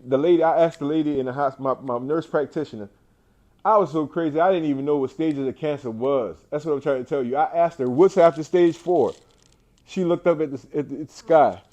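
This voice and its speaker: A man's voice: on the high side, a little mellow, muffled recording. A man and cancer survivor giving an inspirational, faith-driven talk to an audience indoors. He is emphatic, repeats his phrases and often restarts. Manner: faith-driven, preacher-like delivery.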